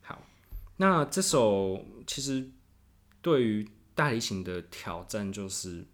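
A man's voice: fairly low pitch, sing-song. Thoughtful man, a cellist explaining music. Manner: thoughtful, explains slowly with restarts. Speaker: cellist guest. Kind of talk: casual music discussion.

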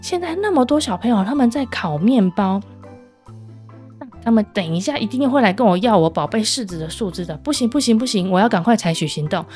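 A woman's voice: medium pitch, animated, fairly quick, darkish tone, soft background music, lightly acted. A woman voicing a stingy, fretful old grandfather in a children's story, fussing and exclaiming. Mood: panicked. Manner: fussy, panicky exclamations.

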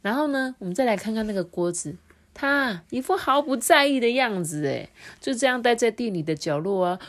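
A woman's voice: fairly high pitch, a little fast. Mother reading a picture book aloud. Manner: lively, playful, asks the child questions. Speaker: parent reading to her child.

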